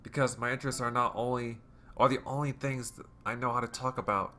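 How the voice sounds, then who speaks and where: A man's voice: medium pitch, steady tone, pushed and bright, natural voice. A man reading as a shy, self-loathing girl. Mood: hesitant. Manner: hesitant, halting confession. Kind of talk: reading game dialogue aloud.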